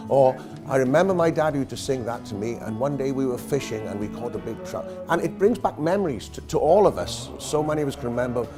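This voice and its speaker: A man's voice: mid-range voice, expressive, quick pace, few pauses, music in the background. A Welsh man in his fifties, an entertainer, answering interview questions in a jokey, self-deprecating way. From Wales. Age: 50s.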